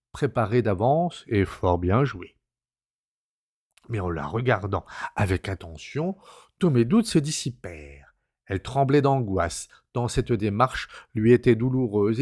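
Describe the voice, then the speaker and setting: A man reads a classic novella aloud, with expressive, dramatic narration. His pitch moves widely, bringing out the suspense. His voice sits in a middle register. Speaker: narrator, reader.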